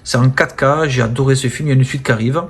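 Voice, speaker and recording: A man chatting casually about films from his collection, full of fillers, often trailing off softly at the ends of phrases. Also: medium pitch, steady tone, quick pace, slightly rough. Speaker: film collector presenting his steelbooks. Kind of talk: casual unboxing-style chat.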